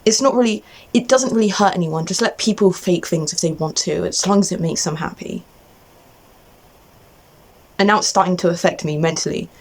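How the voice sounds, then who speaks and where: A woman's voice: on the low side, moderate pace. A young adult woman in an agitated, exasperated rant to camera, venting off the cuff in a casual way and often cutting herself off. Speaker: vlogger.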